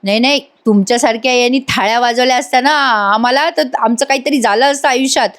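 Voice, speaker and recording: A woman's voice: on the high side, fast talker, close to an everyday voice. A woman voicing a lazy, sly young village man who wheedles his way out of work. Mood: wheedling.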